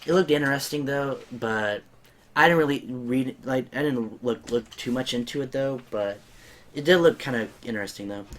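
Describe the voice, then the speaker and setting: Over faint background noise, a young male podcast host chats casually about gaming in a mid-range voice at a moderate pace. He rambles, restarting often and leaning on fillers.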